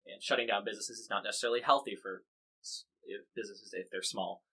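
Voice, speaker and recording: A man's voice: lowish voice, steady tone, fast, pushed and bright, low-quality recording. An American man hosting a podcast, covering the news in casual, wry chat full of fillers and restarts. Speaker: podcast host.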